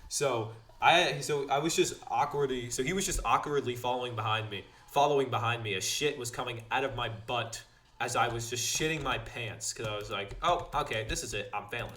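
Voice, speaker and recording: A man's voice: fairly quick, bright, forceful tone. A teenage boy telling a story for his vlog in a rambling, casual way, full of fillers and restarts. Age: teens. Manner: acts out dialogue with big pitch jumps. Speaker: vlogger.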